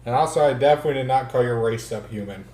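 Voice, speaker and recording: A man's voice: mid-range voice, rapid-fire, darkish tone, reverberant. A man playing a tabletop game who jokes and teases the others. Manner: joking, teasing. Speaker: player. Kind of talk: casual tabletop game chat.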